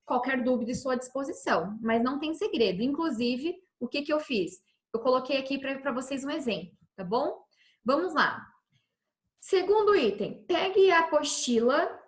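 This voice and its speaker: Brazilian woman, schoolteacher giving a remote class, patient and repetitive, high voice in a roomy space. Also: lively intonation, moderate pace. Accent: Brazilian Portuguese. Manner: patient, repeats and checks understanding with "tá bom?". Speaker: teacher.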